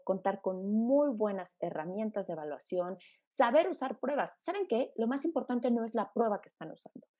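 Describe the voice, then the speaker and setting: A woman's voice: mid-range voice, mellow. A woman speech therapist teaching an online class, emphatic and repetitive, asking and answering her own questions. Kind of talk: online lecture.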